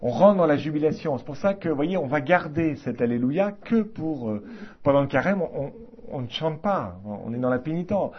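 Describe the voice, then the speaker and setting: Man, liturgy lecture, halting, filler-heavy, muffled low-fi recording. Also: lively intonation. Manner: halting, many fillers like hein and voilà. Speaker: liturgy teacher. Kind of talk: informal lecture to a class.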